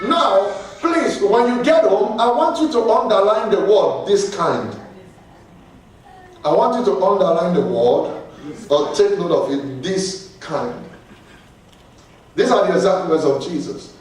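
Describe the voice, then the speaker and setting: Guy preaching, really high voice, hammers the same words over and over, mic far off. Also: animated, unhurried, pauses often. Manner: emphatic, repeats phrases, bursts into shouts. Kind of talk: sermon at a conference. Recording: echoey hall, voice from far off.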